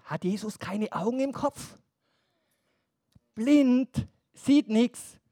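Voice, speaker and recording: A woman telling a Bible story to a group of children, animated, asking them questions and counting along with them. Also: on the high side, extremely slow, no room sound.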